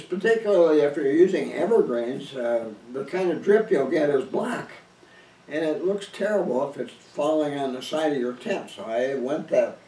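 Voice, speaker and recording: A man's voice: on the high side, warm tone, recorded from a distance. An older man giving casual camping tips in a rambling, folksy way, recorded on a camera mic. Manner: rambling and folksy, with many restarts. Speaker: hunting and camping instructor. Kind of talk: casual how-to talk. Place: indoors by a stone fireplace, then outdoors on a grassy field. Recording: roomy, from off the mic.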